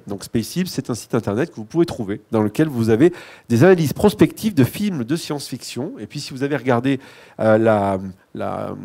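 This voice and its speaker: A man's voice: medium pitch, mellow. A man moderating a live panel discussion, introducing guests with frequent restarts, self-corrections and light joking asides.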